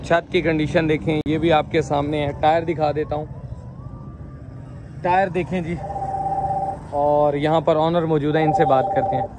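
A man in his thirties, with a slightly high voice and a level tone, walks around an outdoor used car market. In brisk, repetitive patter he shows off cars and chats with their owners, over a noisy background.

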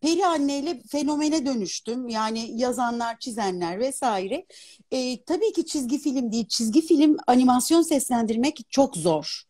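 Animated and articulate, this woman in her fifties talks with a husky, mellow tone. Her fairly high voice rises and falls in wide, lively sweeps. She speaks as a guest in a casual live chat on a phone stream. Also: moderate pace. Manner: animated, articulate, laughs easily. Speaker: guest, opera singer and dubbing artist. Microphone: phone on a live video stream.

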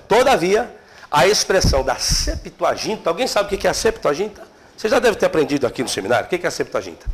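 Man, middle-aged, theology teacher, lively lecture, high voice. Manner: lively, questions the class, stresses terms. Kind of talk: classroom lecture. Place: seminary classroom.

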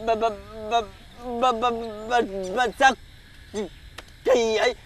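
A man's voice: very high voice, level tone, slow, slight background noise. A man acting a frantic young chicken seller in a folk-tale TV drama, stuttering and repeating his words. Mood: pleading.

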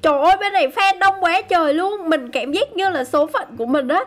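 A woman giving excited, chatty game commentary to her viewers. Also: extremely high pitch, fairly quick. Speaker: gaming YouTuber.

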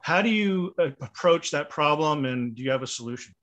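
A man's voice: a little high, expressive, a little fast, fairly bright tone, muffled recording. A male host asking an interview question with slight hesitation, sounding distant from the mic.

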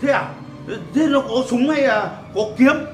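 An actor playing a crude, mocking middle-aged neighbor. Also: male voice, very high voice, measured pace. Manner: teasing, drawling. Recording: echoey room, music behind.

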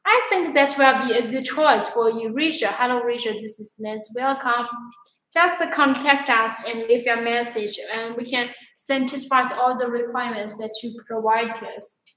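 A woman's voice: on the high side, moderate pace, a bit bright. A young woman presenting products on a livestream demo, upbeat and greeting viewers by name. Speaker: sales presenter. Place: large echoey warehouse showroom. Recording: echoey room, faint background noise.

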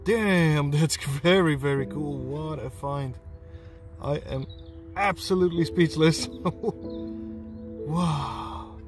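A man giving excited casual commentary outdoors in a field as a metal detectorist, often whooping and laughing. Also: fairly high pitch, takes it slowly, over music.

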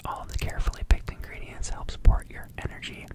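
Whispering man doing an ASMR ad read. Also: fast. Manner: casual, playful. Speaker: sponsored ad reader. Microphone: close studio microphone on a desk.

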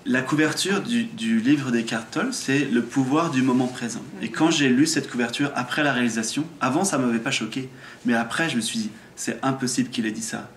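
A man's voice: mid-range voice, brisk. An earnest man from France speaks with a French accent, leading a satsang talk on awakening. He often trips over and restarts his words as he explains. His voice sits in a roomy, echoing space with a faint hiss behind it. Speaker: spiritual teacher.

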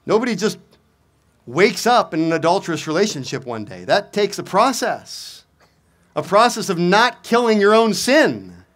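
A middle-aged pastor with a fairly high voice delivers a sermon from an outdoor lectern. He keeps asking rhetorical questions and hammers his points through repetition. The sound comes through a stand mic on the lectern. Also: sing-song, moderate pace, a bit bright.

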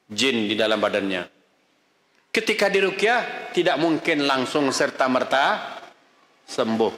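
A man's voice: a little high, sharp tone. A middle-aged man giving a religious lecture as an Islamic preacher, emphatic and scolding, full of rhetorical questions. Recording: echoey hall reverb.

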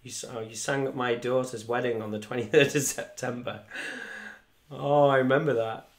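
A young Welsh musician hosts a live stream from a small room at home, chatting casually and rambling as he reads viewer comments aloud. His medium-pitched voice has fairly even intonation and a moderate pace, picked up by a desk microphone in front of him.

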